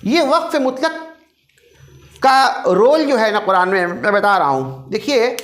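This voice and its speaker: A man's voice: high voice, animated, measured pace, fairly bright tone. A male recitation teacher giving a classroom lecture, repeating each rule and quizzing his students. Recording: roomy echo.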